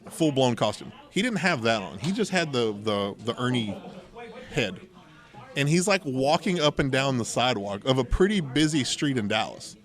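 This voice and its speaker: A man with a mid-range voice and big pitch swings talks at a moderate pace. He's hosting a podcast, sharing personal stories in a casual, informal way and acting out bits of what people said.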